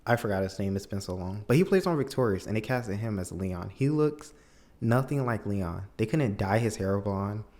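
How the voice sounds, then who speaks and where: A man's voice: on the low side, expressive, normal speed, a little mellow. A man giving a casual, opinionated film review as a video commentator, with an emphatic, incredulous, conversational manner.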